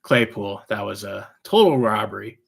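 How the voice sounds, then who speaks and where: Low, gravelly, and husky, this host's voice moves with lively intonation at normal speed. He chats casually and answers viewer questions on an easygoing, rambling stream, pronouncing R's like W's.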